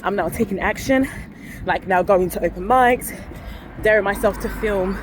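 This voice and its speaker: Speaking at a normal speed in a medium-pitched voice, a vlogger walks a city street and talks candidly into her phone held at face level. She rambles, corrects herself, and laughs softly, with traffic and street ambience audible throughout the outdoor phone recording.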